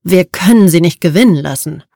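Audiobook figure: defiant young man, mocking and unhurried, read by a woman. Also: lowish voice, expressive, gravelly, warm tone, no room sound. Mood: wry. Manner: dry mocking quips, slow and drawn out.

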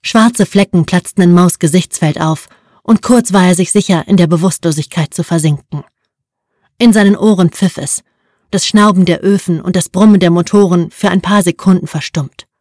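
Audiobook narrator, female, low register, steady storytelling, dry booth sound. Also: moderate pace, no room sound. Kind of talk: scripted narration.

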